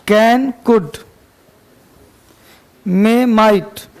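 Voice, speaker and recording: A man's voice: high voice, drawn-out words, a little mellow. A man teaching an English grammar class, chatty and joking, quizzing his students as he goes. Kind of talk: classroom lecture.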